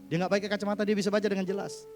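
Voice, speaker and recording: Male pastor preaching, high-pitched, animated, jumps from loud to hushed, soft guitar underneath. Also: racing. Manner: mixes English words into his speech. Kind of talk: sermon. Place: church service.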